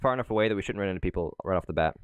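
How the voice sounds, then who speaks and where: Speaking fast in a low, clean voice on a dry recording, a young man gives casual gameplay commentary for his gaming channel. He chats and rambles as he plays alongside friends, laughing a lot.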